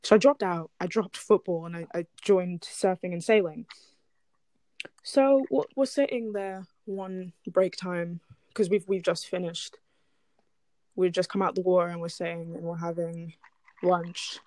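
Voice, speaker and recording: A young woman recounts a story from her childhood in relaxed, casual chat, getting animated and laughing as she goes. The sound is dry and close, with no room behind her. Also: fairly low pitch, unhurried, no echo.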